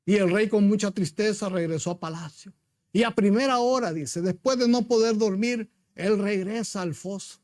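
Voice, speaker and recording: A man's voice: sits high, normal speed, darkish tone, no room sound, studio quality. A man preaching a sermon as pastor, retelling a story with emphasis and rhetorical questions to his congregation.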